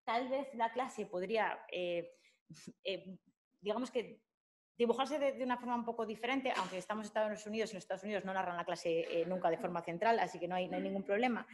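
Woman lecturing, halting and informal. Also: mid-range voice. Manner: informal, many fillers and restarts. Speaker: lecturer at a summer course. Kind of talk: academic talk with slides.

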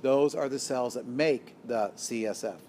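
A man delivers a college biology lecture in a screencast, walking through the material step by step at a middling pitch. He poses questions to his students and answers them himself, and sometimes stops to correct a slip. A faint hiss sits under the recording. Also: unhurried, darkish tone.

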